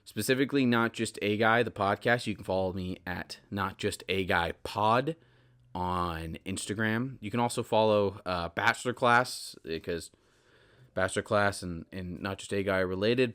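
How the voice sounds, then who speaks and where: A casual solo podcast host, a man in his 20s with a fairly low voice, rambles along while interrupting himself and repeating words. He sounds animated, trading emphatic bursts for quieter asides.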